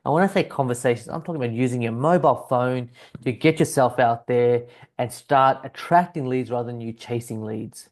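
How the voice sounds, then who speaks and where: Speaking fairly quickly and straight to camera, this business coach has an Australian accent; he was born in South Africa and raised in Australia. His conversational pitch keeps circling back to key phrases and is full of fillers.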